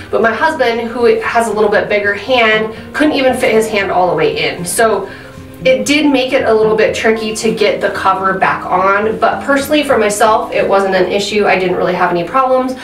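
A woman in her thirties giving a casual product review, chatty and filling pauses with "um". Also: on the high side, a bit bright. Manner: chatty, frequent "um" fillers. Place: indoor room at a desk. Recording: roomy and slightly distant.

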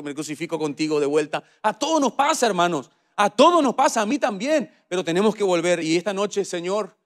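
A male pastor with a Paraguayan Spanish accent preaching a sermon, swinging between quiet, low passages and loud, repeated calls to his listeners.

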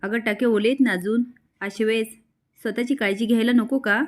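A protective middle-aged man, gentle and fussing over someone's health, voiced by a woman in her own register. It is heard in a storybook-style recap. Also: fairly high pitch, fairly even intonation, a little fast, close to an everyday voice. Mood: caring.

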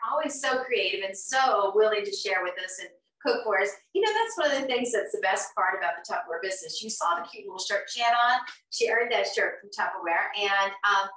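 A woman's voice: mid-range voice, pushed and bright. A woman in her fifties hosting a live cooking show from her home kitchen, chatty and encouraging. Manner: chatty, encouraging, laughs often. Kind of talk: upbeat live-stream chat. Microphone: far camera. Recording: roomy kitchen sound from far off.

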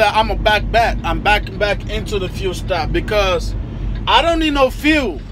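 A man's voice: sits high, noisy background. A young man, vlogging casually from his parked truck cab on a phone camera, talking loosely and slangy straight to his viewers. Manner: loose, chatty, slangy, addresses the viewers directly. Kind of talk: casual vlog talk to camera. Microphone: phone camera at arm's length.

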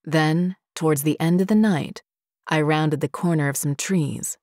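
A woman reading scary stories aloud as a narrator, in a slow, steady storytelling delivery. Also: low voice, dry recording, studio quality.

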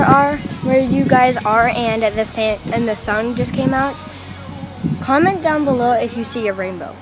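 A teenage fashion vlogger with a high-pitched voice chats and gushes while filming a casual outfit vlog outdoors in a suburban yard. Her phone camera sits on a mailbox, and the audio quality is poor.

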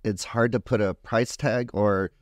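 Easygoing man with a lowish voice. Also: steady tone, unhurried, dry recording. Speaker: YMCA representative. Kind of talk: casual chat.

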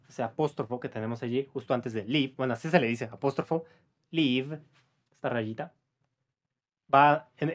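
Patient, lively-voiced man teaching pronunciation. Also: mid-range voice. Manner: patient, models words slowly for the listener to repeat; chuckles between explanations. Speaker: English teacher. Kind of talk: pronunciation lesson.

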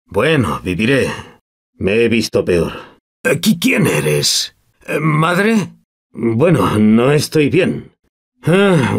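A man voicing a gruff, sardonic older war veteran in a video game, swearing often. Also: on the low side, heavily acted. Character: gruff old male war veteran survivor. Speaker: game character.

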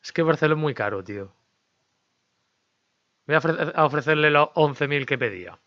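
Male gaming host, chatty self-talk over gameplay, crisp slightly dull mic. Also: on the high side, lively intonation, moderate pace, sharp tone. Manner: chatty, talks to himself and viewers while negotiating. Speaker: gaming YouTuber. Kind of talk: casual game commentary.

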